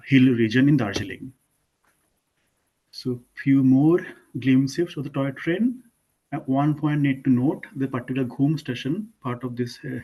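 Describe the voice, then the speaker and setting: An Indian man with an Indian English accent talks students through a slide presentation in an online lesson. His voice sits at an ordinary middle pitch. He speaks informally, with "uh", restarts and self-corrections. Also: a little mellow, rough recording. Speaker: architect giving an online lesson.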